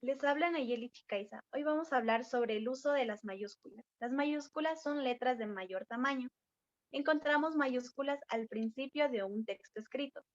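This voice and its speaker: A young woman reading a class presentation in a steady way, pointing to examples on a board. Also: sits high, moderate pace, no room sound. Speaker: student presenter. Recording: dry, dull lo-fi sound.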